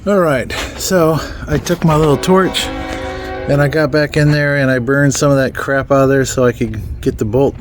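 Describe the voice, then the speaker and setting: A man giving casual, rambling commentary outdoors while working on his own vehicle, full of ums and mild swearing. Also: mid-range voice. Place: outdoors in a yard beside a vehicle.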